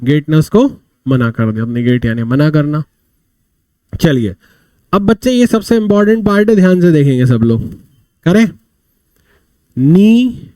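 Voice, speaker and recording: A man's voice: on the high side, mellow, dry recording. A man teaching a vocabulary class, telling little stories to explain words and asking and answering his own questions. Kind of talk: live online vocabulary class.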